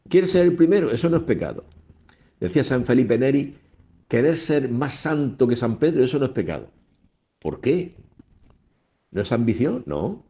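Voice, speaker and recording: A man's voice: fairly low pitch, dark tone. A man preaching a sermon on the radio, emphatic, with repeated phrases and rhetorical questions.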